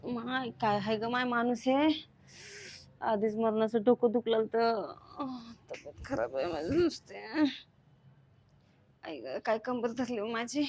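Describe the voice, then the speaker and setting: A woman's voice: sits high, moderate pace, natural voice. A woman playing an unwell, groggy village wife in a comedy skit, whining and complaining with a rural Marathi accent. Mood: groaning, weary.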